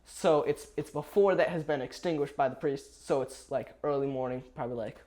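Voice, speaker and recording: A man's voice: a little high, brisk, darkish tone. A young man casually summarizes a Bible chapter on a podcast, hesitant and full of fillers and restarts. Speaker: podcast co-host.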